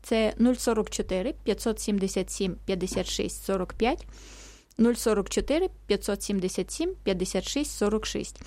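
A female radio host, recorded close and dry in a studio. She reads phone numbers clearly and frames long, winding questions for her guest. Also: mid-range voice, darkish tone, no echo. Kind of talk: radio call-in hosting.

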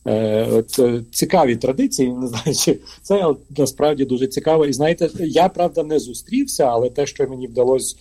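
A man's voice: medium pitch, a little fast, few pauses, dark tone. A priest from Ukraine, a man, answering interview questions in a hesitant way, with frequent filler sounds and restarts.

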